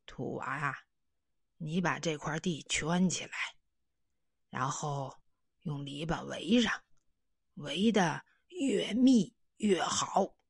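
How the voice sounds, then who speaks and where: Woman doing a gentle old man, over 60, reassuring, slow, lower, dry close sound. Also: animated, vocal fry, slightly rough, no echo, exaggerated voice. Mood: kindly. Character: kindly thin old man in a tall hat.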